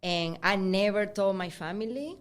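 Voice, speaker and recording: A woman's voice: medium pitch, normal speed, clear, resonant tone. A young woman from Venezuela with a Venezuelan accent, a podcast guest chatting casually and acting out quotes as she tells stories. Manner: animated storyteller acting out quotes, laughing often. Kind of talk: casual chat.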